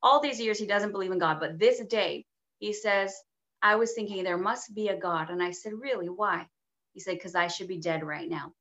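A woman recounts her past in an interview, her bright, pointed voice dropping to a hush and then rising with force. The sound is a little dull, as if recorded on modest gear. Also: medium pitch, normal speed. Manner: storytelling, shifting between hushed and emphatic. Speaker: guest sharing testimony. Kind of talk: personal testimony interview.

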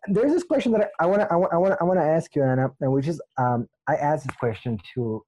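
A man hosting a casual interview, telling animated stories and laughing often. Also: a little high, fast, a little hiss or hum, low-quality recording. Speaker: interviewer host. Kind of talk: casual conversation.

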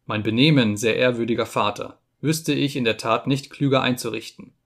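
A man's voice: mid-range voice, fairly even intonation, moderate pace, vocal fry, fairly bright tone. A man voicing a furious old friar who rants and quotes scripture, in an audiobook reading. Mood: menacing. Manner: ranting, quoting scripture.

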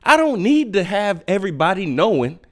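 A man's voice: sits high, very animated, fairly quick. Profane ranting man with a swooping voice. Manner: profane, blunt, lecturing. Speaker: podcast host. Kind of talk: unfiltered solo rant.

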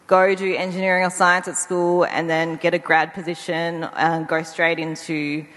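A woman's voice: fairly low pitch, little pitch movement, moderate pace, fairly bright tone. A woman speaking on a conference panel, eager and chatty, laughing often between thoughts. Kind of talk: panel discussion. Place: conference hall. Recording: hall with long reverb.

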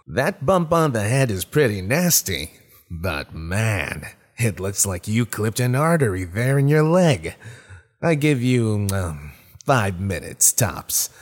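A man's voice: medium pitch, big pitch swings, slow pace. A man reading a horror story, voicing a sly, menacing rabbit-like monster with steel teeth in a taunting, mock-friendly, sing-song way with an uncanny, strained timbre.

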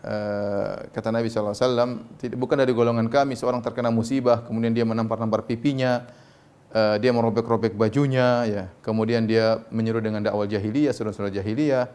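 A man's voice: fairly low pitch, steady tone, fast talker, a little mellow, clear, resonant tone. A man giving a conversational sermon as an Islamic preacher, tagging his sentences with short affirmations and rising sharply for emphasis. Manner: conversational, frequent "ya" tags, rising emphatic peaks. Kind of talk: sermon lecture.

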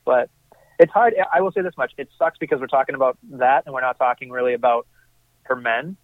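A man's voice: mid-range voice, brisk, dry recording. A man co-hosting a podcast remotely, chatting casually about sport as a fan. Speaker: podcast co-host. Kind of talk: casual wrestling fan banter. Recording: tinny phone-like remote line, dry.

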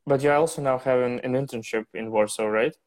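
A young man hosts a casual interview podcast. His delivery is flat in pitch, and his questions come out hesitant and loosely phrased. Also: a little fast. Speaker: podcast host.

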